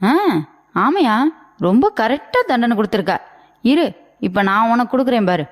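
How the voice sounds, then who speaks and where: A woman voicing a sharp-tongued, fed-up young wife who scolds in an animated cartoon. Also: a little high, normal speed, big-room sound. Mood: sarcastic. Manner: scolding, sarcastic.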